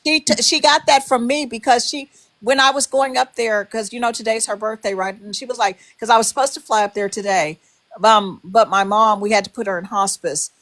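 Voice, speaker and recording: A woman's voice: on the high side, steady tone, brisk, fairly bright tone. Direct, advising older woman. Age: 60s. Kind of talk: casual chat.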